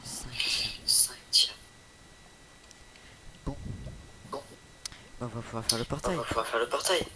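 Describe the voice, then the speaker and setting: A man's voice: mid-range voice, measured pace, noisy background. A man giving casual gameplay commentary in short, offhand remarks, with each phrase heard twice as it echoes back through a friend's call. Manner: talks in short, offhand remarks while playing. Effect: every phrase heard twice, echoed back through a friend's call. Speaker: gamer recording a let's play.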